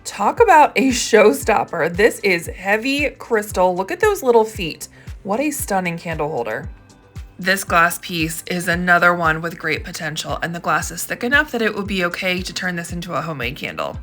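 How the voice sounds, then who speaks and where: Bright-voiced gushing woman vlogger. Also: fairly low pitch, animated, moderate pace, faint music behind. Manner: gushing, enthusiastic about each find. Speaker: thrifting vlogger, host. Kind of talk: casual vlog narration over shopping footage.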